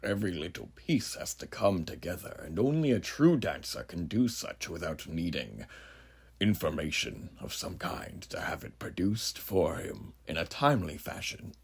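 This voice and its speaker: A man playing a huge, ageless, sinister judge who muses grandly and theatrically in a horror monologue, with a gravelly, breathy voice and rhetorical questions to the listener. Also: deep voice, sing-song, normal speed, full character voice. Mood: grandiose, sinister. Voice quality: gravelly, husky, breathy at phrase ends. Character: huge ageless sinister philosophizing judge, menacing male drifter.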